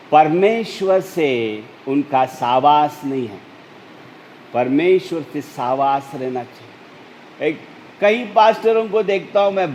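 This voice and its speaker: Male preacher, deliberate slow sermon delivery, emphatic swells, light background noise. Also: a little high, darkish tone, rough recording. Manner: slow, emphatic preaching with rising urgent peaks. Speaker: pastor.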